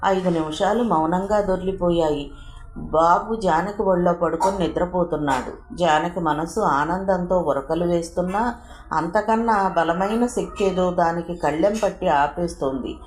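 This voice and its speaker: Low-voiced woman narrating a novel. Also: a little mellow. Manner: measured storytelling. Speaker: audiobook narrator. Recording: roomy echo, faint hiss.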